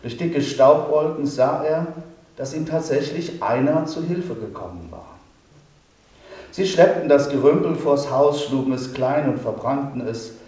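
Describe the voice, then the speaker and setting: A man's voice: medium pitch, animated, a little mellow, recorded from a distance. A man preaching a sermon as pastor, solemn and emphatic. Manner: solemn, slow, emphatic repetitions. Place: church. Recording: echoey church, dull sound.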